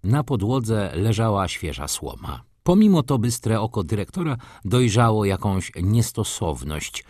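A man narrating a classic novel in an expressive, theatrical reading style. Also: fairly low pitch, a little slow, dry recording, clean studio sound. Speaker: audiobook narrator.

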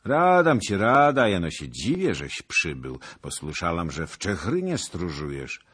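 A man's voice: low-pitched, huge pitch swings, measured pace, a bit bright, breathy edge, pitched above the performer's own voice, full character voice. A man voicing a wary old noblewoman who speaks drily and guardedly. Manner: dry, guarded. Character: stern old noble widow, wary and proud.

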